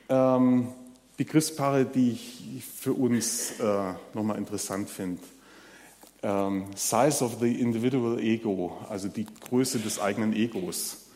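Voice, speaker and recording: Man, sermon, chatty and direct with the congregation, mid-pitched voice, long hall reverb. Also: a little mellow. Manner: conversational, addresses the audience directly with many fillers. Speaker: preacher.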